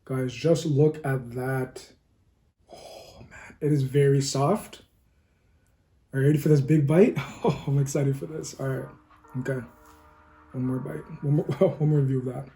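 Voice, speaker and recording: A man's voice: medium pitch, fairly even intonation, normal speed, vocal fry, pauses often, mellow, a little hiss or hum. A man hosting a casual cooking vlog, upbeat and chatty, tasting food while he talks to viewers. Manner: upbeat, keeps calling viewers "guys"; talks while eating, savoring sounds. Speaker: food vlogger.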